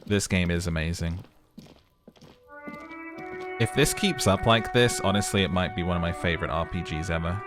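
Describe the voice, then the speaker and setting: A let's player plays through a video game, offering commentary and dramatic narration while voicing characters. He has a deep voice and a normal speed, pausing often, with game music in the background.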